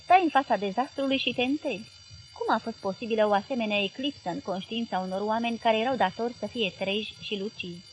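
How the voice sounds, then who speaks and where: Fairly high-voiced woman reading a novel. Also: a little hiss or hum. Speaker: audiobook narrator. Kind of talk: literary audiobook reading.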